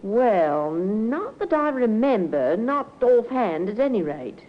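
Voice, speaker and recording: An actress playing an opinionated, suspicious middle-aged local witness in a 1950s radio drama, chatty, emphatic and disapproving. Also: female voice, a little high, big pitch swings, slow pace. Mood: recollecting. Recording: muffled, faintly noisy 1950s radio recording.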